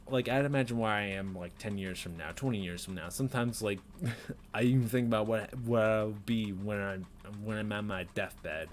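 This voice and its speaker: With a lowish voice and some faint background noise, a young man in his twenties fills his unedited personal vlog with self-critical rambling, fillers and nervous laughs, filmed on a desk webcam in his small bedroom.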